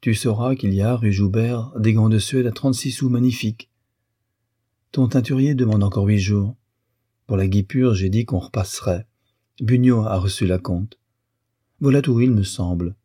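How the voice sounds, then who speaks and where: A man voicing a breathless, busy woman in a novel reading, listing errands and debts in a brisk, chattering way. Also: on the low side, dark tone, husky, no room sound, studio quality. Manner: brisk and chattering, then teasing. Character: hurried bustling woman dressmaker, sharp-tongued.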